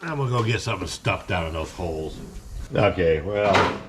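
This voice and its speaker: Low-voiced man rambling through car repairs. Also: expressive, moderate pace, very noisy. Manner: rambling, plain-spoken, many fillers and restarts. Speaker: hobby mechanic and channel host. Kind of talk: casual narration while working on a car. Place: home garage.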